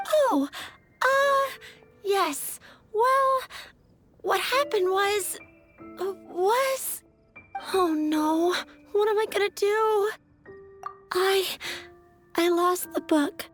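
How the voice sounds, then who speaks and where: Very high-pitched, flustered flower girl. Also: very slow, pauses often, a bit bright, soft background music, exaggerated voice. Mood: panicked, guilty. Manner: girlish, hesitant. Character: flustered, anxious young flower seller girl. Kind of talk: anime video game voice acting.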